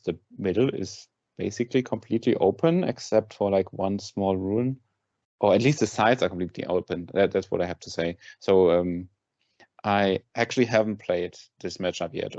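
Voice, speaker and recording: A man's voice: low-pitched, darkish tone, no echo, muffled recording. A man from Germany with a German accent, a tabletop wargame player chatting casually as an interview guest, hesitant with many fillers and restarts.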